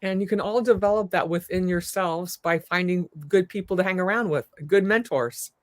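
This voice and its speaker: A woman's voice: fairly low pitch, normal speed, no room sound, clean studio sound. A woman hosting a podcast interview, adding short, encouraging takeaways for her listeners. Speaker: podcast host. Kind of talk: interview chat.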